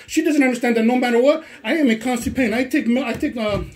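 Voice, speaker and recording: A middle-aged father with a deep, strained voice after surgery, heatedly complaining to school staff. He questions in rapid bursts, then gives long, insistent explanations. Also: slight background noise. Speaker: parent. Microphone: handheld phone recording.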